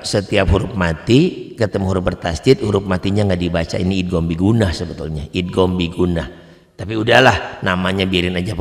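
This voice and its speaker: A man who teaches Quran reading to beginners in with a slight lilt. He talks plainly and chattily, then breaks into loud, slow chanted recitation. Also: lowish voice, vocal fry. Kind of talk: tajwid lesson for beginners. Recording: long hall reverb.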